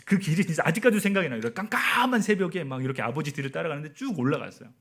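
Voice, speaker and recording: Husky guy in his 40s preaching, voice swings up and down a lot, keeps asking the crowd stuff. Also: fairly high pitch, expressive, racing, a bit bright. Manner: storytelling, often asking the audience questions. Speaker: missionary preacher. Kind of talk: sermon at a prayer meeting.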